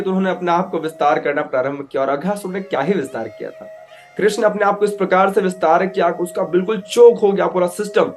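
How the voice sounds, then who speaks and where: A man telling a devotional scripture story as a preacher, animated, acting out characters and mixing in English words. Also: high-pitched. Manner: animated storyteller, acts out voices with loud outbursts; mixes English words into Hindi.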